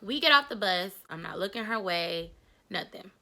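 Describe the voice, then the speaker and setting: A young adult woman chatting casually in a storytime vlog, telling a story in a lively, slangy way. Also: mid-range voice, moderate pace. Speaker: vlogger.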